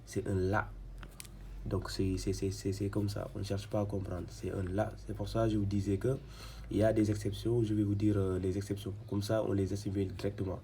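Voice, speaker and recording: A man's voice: on the low side, completely flat delivery, dark tone, slight background noise. A man teaching Quran reading, going patiently syllable by syllable, repeating sounds and often restarting his sentences. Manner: patient, repetitive, spells out syllables slowly; frequent hesitations and restarts. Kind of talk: step-by-step reading lesson.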